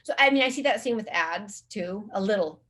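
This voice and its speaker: A woman chatting as a guest in an interview, talking at an ordinary mid-range pitch. She rambles along with frequent restarts and fillers. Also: lively intonation, brisk, fairly bright tone. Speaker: guest social media marketing specialist. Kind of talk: casual conversational interview.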